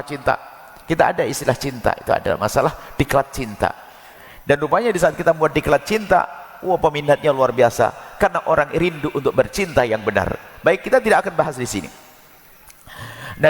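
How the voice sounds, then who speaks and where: A man preaching a sermon, lively and expressive, sometimes acting out quoted couples. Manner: animated, jumps between high and low pitch for emphasis, acts out quoted couples. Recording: long hall reverb.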